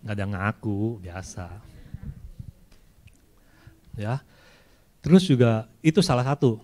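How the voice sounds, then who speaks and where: A man's voice: fairly low pitch, animated, slow, warm tone, slight background noise. A male preacher giving a sermon at a streamed church service, slipping into everyday slang and acting out people's prayers and excuses in shifting voices.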